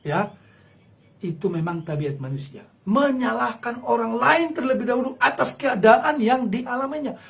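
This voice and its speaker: A man's voice: extremely high pitch, animated, moderate pace, gravelly, a bit bright. A male pastor, preaching a sermon in an emphatic style, acting out quoted voices and repeating phrases.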